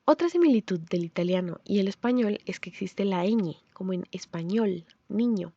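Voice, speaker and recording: A woman giving a scripted pronunciation lesson, explaining clearly and saying example words slowly. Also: mid-range voice, lively intonation, dark tone, dry recording, dull audio. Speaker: language teacher.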